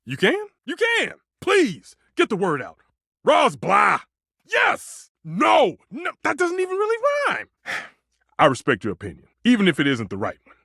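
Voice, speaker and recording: Stefan, wildly animated flirty stove chef. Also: male voice, high voice, unhurried, gravelly, slightly rough, no room sound, studio quality, exaggerated voice. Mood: agitated, emphatic. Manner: theatrical, expressive, swinging between exclaiming and murmuring. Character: passionate, dramatic, flirtatious living stove who is a chef. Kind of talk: voiced dating video game character lines.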